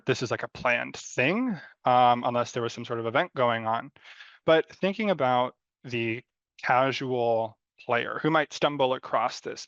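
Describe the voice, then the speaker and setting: A man gives friendly design feedback in a rambling, unscripted way, with lots of fillers and light self-deprecating humor. His voice has a gravelly texture. The recording is dry and a little dull and lo-fi. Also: mid-range voice, a bit bright, no room sound. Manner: rambling, loose delivery with many fillers. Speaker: mentor giving design feedback. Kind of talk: live design critique, casual and unscripted.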